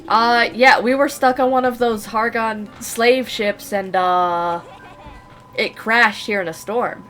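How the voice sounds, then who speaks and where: A woman's voice: a little high, fairly even intonation, slow, a bit bright, faint music behind. Chatty young woman streaming a game. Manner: chatty, laughing often, reads dialogue aloud. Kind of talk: live game stream commentary.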